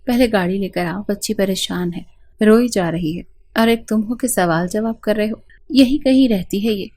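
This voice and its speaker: A woman voicing a bossy, sharp-tongued elderly woman in an audio story, scolding and commanding. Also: mid-range voice, dry recording, lightly acted.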